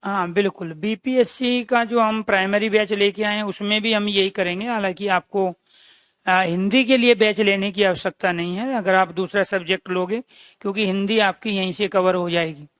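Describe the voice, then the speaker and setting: A man's voice: sits high, steady tone, normal speed, fairly bright tone, smooth, dry recording. A man teaching grammar for exam prep. He repeats key phrases and quizzes his listeners with questions. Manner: calls listeners dear friends. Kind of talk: online exam-prep lesson.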